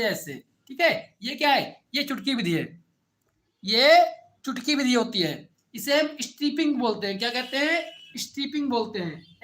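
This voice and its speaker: A male teacher delivers an online class in a bright, forceful voice. He keeps firing short check questions at his students and repeats key terms. His delivery is informal and direct. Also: very high voice. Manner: repetitive call-and-response questioning. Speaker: agriculture teacher.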